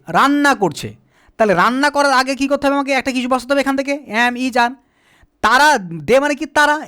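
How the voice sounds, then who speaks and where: A male teacher explaining grammar in a patient, repetitive way, asking questions and answering them himself, sometimes spelling words out slowly letter by letter. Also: very high-pitched, pushed and bright. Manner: asks and answers his own questions. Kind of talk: spoken English grammar lesson.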